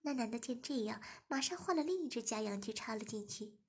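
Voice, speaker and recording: A woman narrating an erotic audio story in a soft, half-whispered manner. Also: on the high side, lively intonation, fairly quick, husky.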